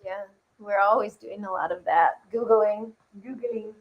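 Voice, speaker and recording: A woman's voice: medium pitch, steady tone, a little slow, lo-fi sound. A woman hosting a stream with casual, conversational talk. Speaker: stream host. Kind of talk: casual chat. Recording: roomy, with light background noise.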